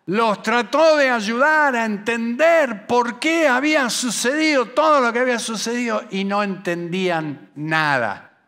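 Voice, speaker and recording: Rioplatense male preacher, slightly high voice, unhurried, dramatizes quotes in low asides. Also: sharp tone. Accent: Rioplatense Spanish. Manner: slows and rises for emphasis. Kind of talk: sermon at a youth camp.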